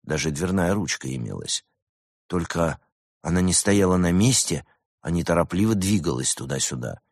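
A man's voice: sits low, lively intonation, moderate pace, a little mellow, slightly rough, dry recording, studio quality. A man narrating an audiobook story expressively.

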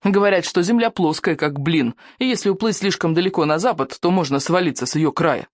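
A man's voice: fairly high pitch, brisk, no echo, studio quality, close to an everyday voice. A man voicing an eager, anxious young boy who asks earnest and urgent questions. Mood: arguing.

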